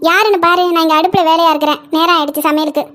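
A woman voicing a fierce, protective village mother-in-law who scolds fast in a cartoon. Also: extremely high pitch, fairly even intonation, a bit bright. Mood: scolding. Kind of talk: cartoon voice acting.

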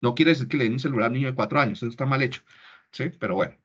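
Male parenting workshop speaker on a video call, conversational, husky, lo-fi sound. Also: mid-range voice, racing, a bit bright. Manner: conversational, keeps checking in with "¿sí?". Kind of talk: online parenting workshop talk. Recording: dull lo-fi call audio.

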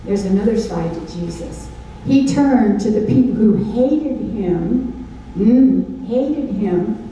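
A woman's voice: medium pitch, expressive, takes it slowly, dark tone, a little hiss or hum. An older woman teaching a Bible study sermon from a lectern with a handheld mic, asking the audience questions and preaching emphatically. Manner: call-and-response questions, emphatic. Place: large dark stage at a lectern. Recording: echoey hall, from far off, faint ambience.

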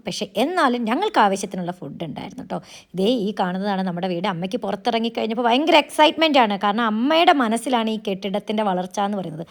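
A woman's voice: mid-range voice, vocal fry. A young woman chatting casually as a vlogger, teasing and talkative. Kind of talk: casual vlog narration. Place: outdoors and at home. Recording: noisy outdoor phone recording.

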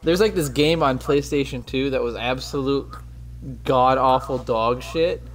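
A man's voice: medium pitch, measured pace. A man streaming a game, chatting casually and rambling, swearing a lot and mocking himself. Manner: profane, rambling, self-mocking. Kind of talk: casual gaming stream chat. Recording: steady background noise.

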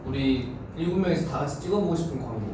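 Playful high-voiced young man, roomy echo. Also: expressive, fast. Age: young adult. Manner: playful, joking, mock English phrases. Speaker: idol group member. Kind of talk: casual group livestream chat. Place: large room at a long table with bandmates. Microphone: far camera. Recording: echoey room, distant mic, noise.

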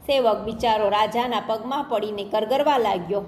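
A woman's voice: on the high side, normal speed, darkish tone. A woman narrating a folk tale in storybook style, speaking the characters' lines in quotes herself. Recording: echoey room with faint background noise.

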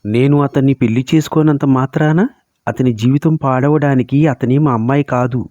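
A man's voice: medium pitch, fairly even intonation, normal speed, warm tone, no room sound, natural voice. A man voicing a proud, scheming young woman who talks coolly and sarcastically. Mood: coolly defiant. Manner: cool, sarcastic, self-assured. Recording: dull lo-fi recording.

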